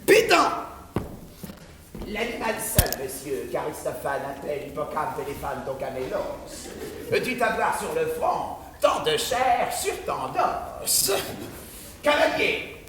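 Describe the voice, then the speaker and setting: A man's voice: high voice, very animated, slow, full character voice. An actor playing a proud, witty swordsman who mocks his own huge nose in classical verse, declaimed as a hammy stage performer with grand flourishes. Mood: grandiose mockery. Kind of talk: classical French verse theatre monologue. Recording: very echoey hall, distant mic, background noise.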